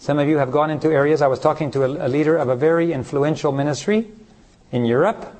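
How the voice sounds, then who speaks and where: A man with a fairly high voice delivers a sermon. He leans on rhetorical questions to the listeners and slips into short acted voices for the people in his stories. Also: fast talker, darkish tone. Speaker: preacher.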